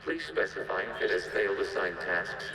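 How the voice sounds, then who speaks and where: In video game character acting, a man voices a calm, logical male robot from a networked AI race, his deep voice passed through a synthetic filter with a slight hiss or hum. He sounds matter-of-fact, measured, formal, precise and clinical.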